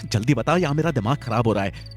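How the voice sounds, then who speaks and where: A man's voice: mid-range voice, brisk, faint music behind, voice pushed up, close to an everyday voice. A man voicing Arjun, a scared young village man who hides his fear behind teasing, talking to his friend in a Hindi audio story. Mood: jittery, teasing. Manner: tries to sound calm, teasing.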